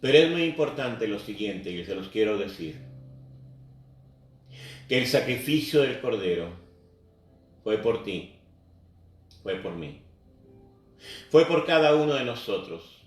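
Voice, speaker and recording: A man's voice: lowish voice, big pitch swings, a little slow, pauses often. A man preaching a sermon, earnestly repeating phrases and speaking directly to the congregation. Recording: very echoey, voice far from the mic.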